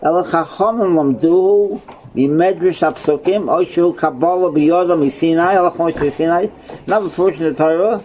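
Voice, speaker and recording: A man's voice: a little high, moderate pace, a little mellow, slight background noise, poor audio. A man teaching a Torah study lesson, asking and answering his own questions and repeating himself. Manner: repeats phrases, checking with "right?". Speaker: religious teacher.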